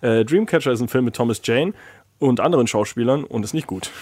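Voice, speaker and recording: A man co-hosting a casual chat about films, talking in a rambling, joking way full of filler sounds. His voice sits at an ordinary middle pitch. It is recorded close and dry, with no room around it. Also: lively intonation, quick pace, darkish tone, slightly rough, dry recording. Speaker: podcast co-host.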